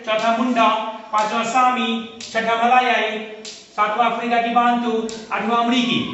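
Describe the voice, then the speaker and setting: A man lectures students in a slow, explanatory way, his voice set high for a man. He sounds far from the mic in a very echoey room. The recording is dull and lo-fi, with a faint hiss. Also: sharp tone. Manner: measured, explanatory, addresses students directly. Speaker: teacher. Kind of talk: classroom lecture to camera.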